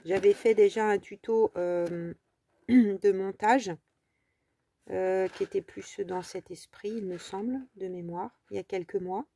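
A woman's voice: medium pitch, fairly even intonation, a little slow, vocal fry, warm tone. A French woman hosting a casual crafting tutorial, talking in a chatty, rambling way with many fillers.

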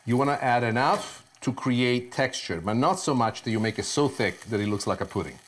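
A man's voice: mid-range voice, a little fast, a bit bright. A middle-aged man hosting a cooking show in a home kitchen, explaining each step expressively and asking himself rhetorical questions. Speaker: TV chef host.

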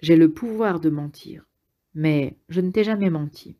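A woman reading the lines of a weary old male mentor in an audiobook, in a firm, low-key way. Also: unhurried, dark tone.

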